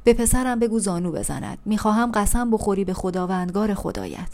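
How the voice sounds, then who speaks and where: A faint, fading mother speaks softly from beneath the ruins, calm and tender as her strength runs out, voiced by a woman reading an audiobook. Her voice sits in an even middle register, solemn rather than frightened. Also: medium pitch, close to an everyday voice. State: voice growing weak. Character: dying mother trapped under rubble, calm and tender.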